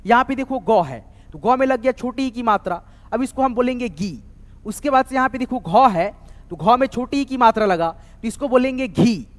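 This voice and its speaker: High-voiced man teaching Hindi letters. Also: animated, big-room sound. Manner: repeats "dostom" often, slow sounding-out of syllables. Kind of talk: online lesson, explaining letters and vowel signs.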